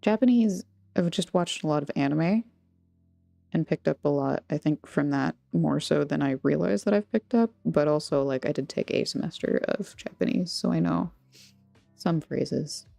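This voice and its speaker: Her voice deep, creaky and dark, an American-accented woman from Texas chats with her livestream audience as she works on crafts, meandering playfully and teasing herself. She talks at normal speed with no room sound, over background music.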